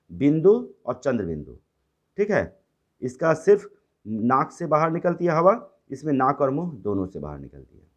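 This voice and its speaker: A man explaining grammar to a class, his slightly high voice rising and falling a lot from phrase to phrase. He goes through each rule slowly, then says it again in plainer words, often dropping in English and Bengali phrases. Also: lo-fi sound. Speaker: teacher.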